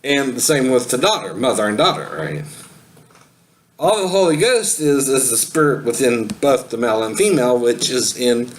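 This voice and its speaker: A man's voice: mid-range voice, lively intonation, normal speed, slight background noise, low-quality recording. A man giving a casual spoken singing lesson who rambles, laughs often and keeps asking "right?" to check the listener is following. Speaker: singing teacher.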